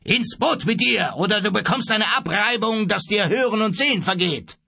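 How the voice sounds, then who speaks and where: A hot-tempered ship captain who bellows threats and orders, as a male narrator puts him on, his voice pushed up high. There is a husky edge to it, recorded dry and close. It sounds like a storybook reading. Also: big pitch swings, normal speed, no room sound. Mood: blustering, threatening. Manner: loud, threatening, commanding.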